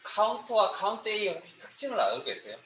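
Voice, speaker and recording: A man's voice: high-pitched, very animated, moderate pace, a bit bright, muffled recording, a little hiss or hum. A man teaching a spreadsheet class, explaining step by step and quizzing his students.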